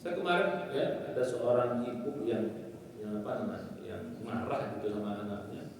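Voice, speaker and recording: A man giving a lively sermon, teasing the congregation with questions. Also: mid-range voice, moderate pace, slight background noise. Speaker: preacher. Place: large echoing mosque hall. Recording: echoey hall, distant mic.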